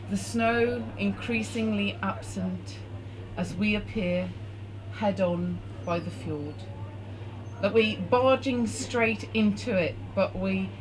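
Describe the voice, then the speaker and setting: A woman from Norway, reading her own poem at a poetry night from her phone, measured and deliberate. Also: medium pitch. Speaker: performing poet. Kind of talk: spoken-word poetry reading. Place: bar hosting a poetry night. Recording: noisy live venue recording.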